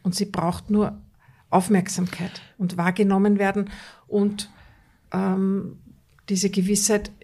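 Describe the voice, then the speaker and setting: A woman's voice: medium pitch, little pitch movement, slow, pauses often, mellow. A woman coach speaks in an interview with earnest conviction and lays stress by repeating key words. Her talk is conversational and full of small restarts.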